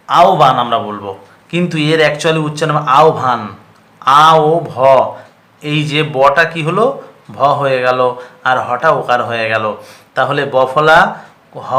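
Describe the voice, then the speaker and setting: A man teaching a Bengali pronunciation lesson for exam prep, who asks his own questions, answers them, and repeats example words slowly. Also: medium pitch, bright, forceful tone, echoey room.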